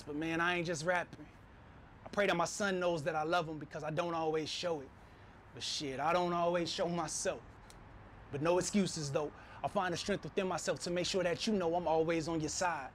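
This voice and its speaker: A man in his thirties performing spoken word poetry in a steady, heartfelt, reflective way at a stand mic on a city rooftop. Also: on the high side, slight background noise.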